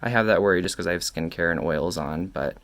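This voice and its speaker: A man's voice: low voice, fast talker, a bit bright. A man giving a casual makeup tutorial while tipsy from wine, candid and cheeky, rambling and correcting himself as he goes. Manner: rambling, self-correcting, loses train of thought. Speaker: makeup reviewer.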